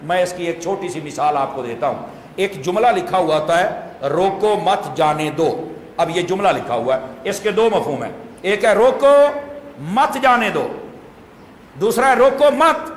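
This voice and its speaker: A man's voice: sits high, a bit bright, slight background noise. A man preaching to a seated congregation, explaining patiently and asking them rhetorical questions. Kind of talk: sermon. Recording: echoey hall with faint ambience.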